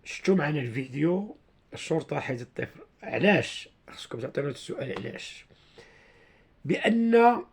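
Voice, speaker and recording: A man's voice: a little high, gravelly, a little mellow, husky. A man with a Moroccan accent giving informal explanatory commentary to his followers, repeating himself and searching for words. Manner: repetitive, halting, searching for words. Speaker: online video commentator.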